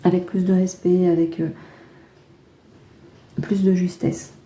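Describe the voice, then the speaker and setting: A French woman giving a casual tarot reading, chatty and gentle, with many fillers and restarts. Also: on the low side, level tone, takes it slowly. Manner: gentle, reassuring advice. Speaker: tarot card reader.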